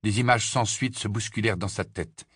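A man narrating an audiobook with a measured, dramatic storytelling delivery. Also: lowish voice, fairly bright tone, husky, dry recording, studio quality. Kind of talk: scripted narration.

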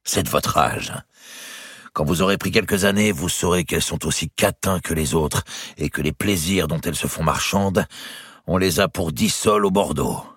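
A man's voice: deep voice, moderate pace, slightly rough, dry recording, studio quality, voice pushed up. A man voicing a boisterous scheming nobleman, commanding and mocking in a storybook reading.

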